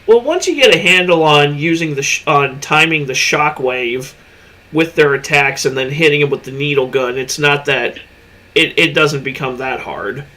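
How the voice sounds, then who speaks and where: A man co-hosting a casual livestream over a headset mic, easygoing and quick to laugh between remarks. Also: a little high, pushed and bright. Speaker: streamer co-host.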